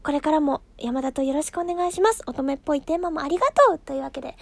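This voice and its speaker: A woman's voice: sits high, quick pace, gravelly, no room sound. A woman hosting her own casual solo talk show, chatty and self-deprecating, with many fillers.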